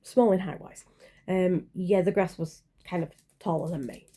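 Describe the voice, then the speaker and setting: A woman's voice: lowish voice, normal speed, warm tone, slightly rough. A woman in her forties chatting casually in a vlog, rambling and hesitant, with many fillers and self-corrections. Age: 40s. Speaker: channel creator.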